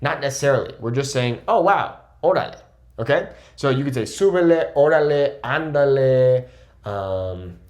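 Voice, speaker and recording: A young man with a fairly high voice gives a casual Spanish video lesson, explaining things with lively energy and frequently checking in with "okay?".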